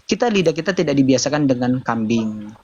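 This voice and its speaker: Speaking quickly and expressively in a mid-range, darkish voice, a convert explains his views at length during a casual live-stream chat. His manner is earnest and explanatory, and he often says "saudaraku" to the brothers listening. The recording has its highs cut off.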